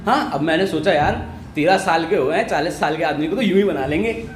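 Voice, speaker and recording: A man's voice: on the high side, brisk, echoey room, slight background noise. A young man doing stand-up, telling a school story in a casual way and acting out the other people in it. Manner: acts out quoted voices of teacher and classmates. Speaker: stand-up comedian. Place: comedy stage with live audience.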